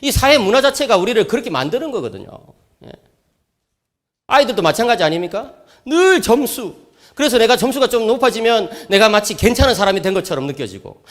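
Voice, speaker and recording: A middle-aged man giving a sermon as a professor at a church camp, animated, often prodding listeners with quick questions and joking with the audience. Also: high-pitched. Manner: jokes with the audience.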